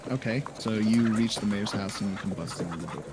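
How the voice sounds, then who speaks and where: A man's voice: lowish voice, a little fast. A man as dungeon master, improvising the story and explaining rules in a loose, casual way, over a noisy recording. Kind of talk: improvised tabletop game narration. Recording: noisy home podcast recording.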